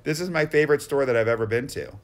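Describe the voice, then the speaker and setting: A man's voice: mid-range voice, quick pace. A man with a Boston accent narrating a vlog tour in voice-over, gushing and exclamatory as he rattles off one item after another. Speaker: vlogger touring a card shop.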